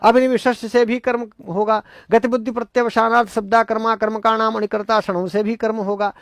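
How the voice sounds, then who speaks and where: High-voiced, gravelly Sanskrit teacher, man. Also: no room sound, clean studio sound. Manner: emphatic, repetitive, rhetorical questions to students. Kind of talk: exam-prep grammar lecture.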